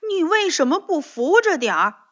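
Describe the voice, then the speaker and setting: A woman voicing a boisterous, stubborn young male frog in a children's story, loud and cheerful. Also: a little high, sing-song, takes it slowly, heavily acted. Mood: reproachful. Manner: cheerful and loud, grumbles when caught out. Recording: dull lo-fi recording.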